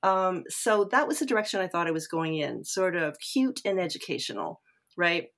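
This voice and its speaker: A woman's voice: on the low side, very animated, moderate pace, a bit bright. A woman guest in a casual interview, rambling and self-deprecating with many fillers and restarts. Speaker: guest filmmaker.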